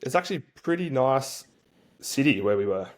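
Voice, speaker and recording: A man's voice: mid-range voice, expressive, normal speed. A man speaking as an interview guest, telling stories in a laid-back, colloquial way with plenty of slang. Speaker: interview guest, rugby league player for a national team. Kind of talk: casual interview storytelling.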